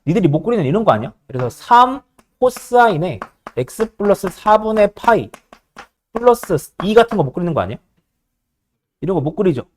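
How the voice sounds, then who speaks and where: A young male math teacher lectures his class with a bossy, teasing edge, prodding students for answers. His voice sits a little high and swings widely in pitch. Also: sing-song, moderate pace, a little hiss or hum. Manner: bossy, teasing, constantly checking understanding.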